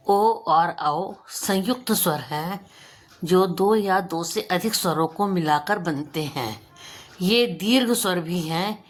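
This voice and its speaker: A woman teacher giving a pronunciation lesson for children, stretching out example words slowly and deliberately. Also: on the low side. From India.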